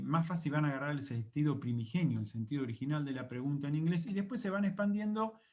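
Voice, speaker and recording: A man with an Argentine Spanish accent explains a lesson to camera, a little higher in voice than most men. He talks in a chatty, patient way and voices his own example questions with rising tones. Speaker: English teacher.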